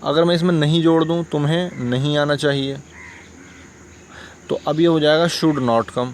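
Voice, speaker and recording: A man's voice: on the high side, fairly even intonation, a little slow, a little hiss or hum. A man with a Hindustani accent teaching English grammar, patiently repeating examples and checking that listeners follow. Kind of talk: explaining grammar lesson.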